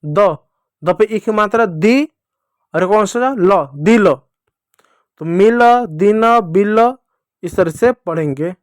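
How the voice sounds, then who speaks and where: A man gives a patient, slow lesson to small children, sounding out each letter and repeating it. His voice sits high for a man and comes through smooth and clear. The recording is close and dry, with no room sound. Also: expressive, no echo. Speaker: teacher. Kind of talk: children's Hindi alphabet lesson.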